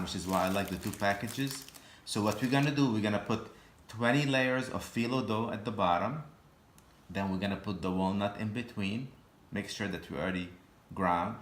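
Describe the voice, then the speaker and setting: Deep-voiced man teaching home cooking. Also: a bit bright, slight background noise. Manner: halting, patient step-by-step explaining with frequent restarts. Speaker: home cook. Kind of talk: cooking demonstration. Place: home kitchen. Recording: echoey kitchen room.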